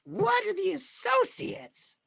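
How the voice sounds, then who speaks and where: Man doing a shrill, excitable young adventurer. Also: takes it slowly, creaky, no room sound, full character voice. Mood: eager. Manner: shrill, bursting, shouting.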